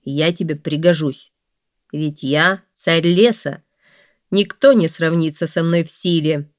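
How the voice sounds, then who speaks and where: A woman voicing a proud lion who calls himself king of the forest, speaking firmly and loudly. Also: low-pitched, slow pace, no echo, clean studio sound. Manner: proud, firm and loud.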